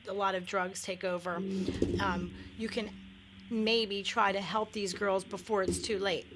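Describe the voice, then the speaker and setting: A middle-aged woman guests on a radio talk show in the studio, speaking candidly with plenty of fillers and self-corrections. Her medium-pitched voice is steady and a little slow, and the recording is very noisy.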